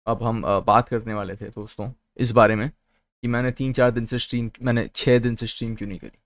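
Speaking fairly fast in a steady, medium-pitched voice, a young Kolkata man jokes and swears freely during a casual livestream, slipping English phrases into his talk. The audio has no echo, and faint background music plays.

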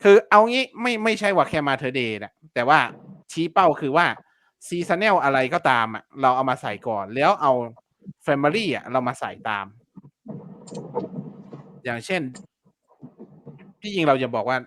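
A man's voice: mid-range voice, expressive, unhurried, pauses often, a bit bright, dry recording. A man teaching online selling in a casual live-stream lesson, chatty and repetitive, full of fillers and polite particles. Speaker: online seller teaching keyword research.

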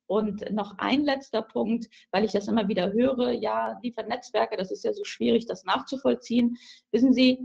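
A woman's voice: fairly high pitch, creaky, darkish tone. A middle-aged woman, a ministry official, making an earnest, argumentative panel statement by phone, with many fillers and restarts. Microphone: phone line. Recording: dull lo-fi phone audio.

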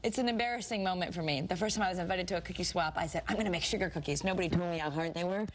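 A woman's voice: lowish voice, rapid-fire. A woman in her thirties co-hosting a TV cooking segment in a studio kitchen, chatting in a bubbly way and laughing often. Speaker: TV talk show co-host. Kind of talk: casual studio chat.

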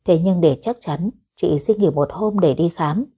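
A woman's voice: lowish voice, a little slow, dark tone, breathy edge. A woman narrating a rural family audio story, reading every character's lines herself.

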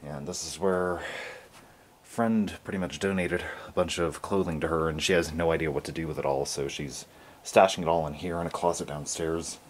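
A young male vlogger films a casual, rambling tour of his family's carpeted house on a handheld camera, using lots of fillers. His very deep voice holds a steady tone at normal speed, and the camera mic's audio is noisy.

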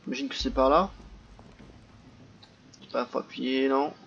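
A man giving casual let's-play commentary, chatty and jumpy, reacting out loud and swearing often. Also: medium pitch, measured pace, vocal fry. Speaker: gaming video host. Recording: dull lo-fi sound with faint noise.

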